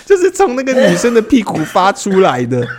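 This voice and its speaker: A man chatting casually, telling funny stories in an animated way. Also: fairly quick, crowd noise. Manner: animated storytelling, jumps high when laughing. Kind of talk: casual chat.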